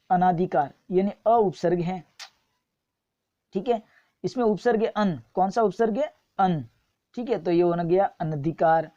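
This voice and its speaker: A woman's voice: fairly low pitch, mellow, dull audio. A woman teaching a spelling lesson for exam students, patiently repeating each wrong and right form. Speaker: Hindi grammar teacher.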